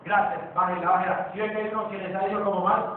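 A man's voice: sits high, little pitch movement, quick pace, heavy background noise. A Colombian man giving a joking motivational talk to a live audience, telling stories and asking the crowd questions. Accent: Colombian Spanish. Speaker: motivational speaker. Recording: distant, phone-like, echoey hall with audience.

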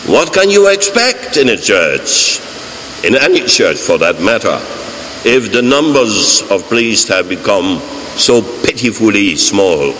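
An older man with a Dutch accent, a priest giving a homily from the pulpit of a large church, slow, deliberate and emphatic. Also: lowish voice, big pitch swings, a bit bright. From Netherlands. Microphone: fixed mic on pulpit. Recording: church reverb, faint hiss.

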